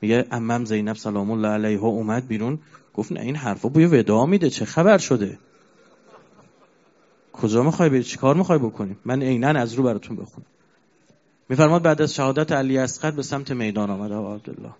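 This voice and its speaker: A man preaching a mourning sermon, telling a sad story as a grieving storyteller who chants verses slowly. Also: medium pitch, a little mellow. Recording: dull lo-fi recording.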